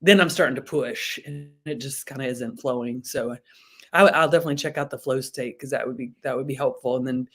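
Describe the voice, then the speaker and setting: A woman's voice: extremely low pitch, brisk, husky. A woman, a singer-songwriter, chats as a podcast guest. Her talk is easygoing and informal, and she laughs easily as she speaks. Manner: relaxed, chatty, laughs easily. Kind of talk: casual interview conversation.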